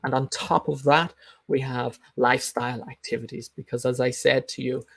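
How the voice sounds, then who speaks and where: A man's voice: mid-range voice, flat delivery, normal speed, creaky, a bit bright, no room sound. A man coaching English learners in an informal live lesson, explaining in an emphatic, instructive way and repeating his key points. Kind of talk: informal live teaching talk, explaining and answering comments.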